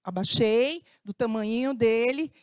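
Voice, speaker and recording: A woman's voice: fairly high pitch, measured pace, clean tone, no echo, clean studio sound. A middle-aged Brazilian woman with a Brazilian Portuguese accent gives a lecture as an educator and tells personal anecdotes, often adding tag questions and acting out dialogue. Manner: conversational, frequent tag questions, acts out quoted dialogue. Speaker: guest speaker, educator.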